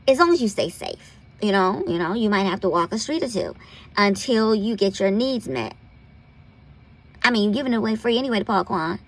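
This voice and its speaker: Swearing freely and using folksy terms of address, this American nurse practitioner delivers frank health advice as host of an informal commentary. She has a slightly rough, mid-range voice, and the recording is rough.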